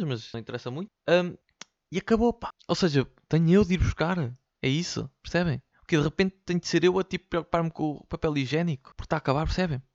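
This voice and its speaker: Ranting casually from his bedroom, a man with a slightly high, gravelly voice hosts his own podcast in a Lisbon Portuguese accent, rambling and joking with plenty of slang and swearing. The recording is dry with the highs cut off, and his studio mic is sometimes off-axis.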